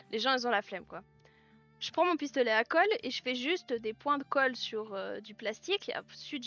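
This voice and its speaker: A woman streaming live while making clothes, chatting with viewers, telling stories, laughing often and switching into halting English. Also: fairly high pitch, highs cut off. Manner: chatty storyteller, laughs often, answers chat. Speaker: livestreamer and clothing maker. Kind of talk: casual chat with live viewers. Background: soft background music.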